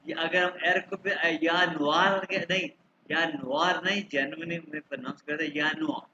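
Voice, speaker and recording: A man teaching German in an online class over a video call, slowly repeating words for his students to drill. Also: on the high side. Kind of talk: online language lesson. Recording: muffled online call with clear noise.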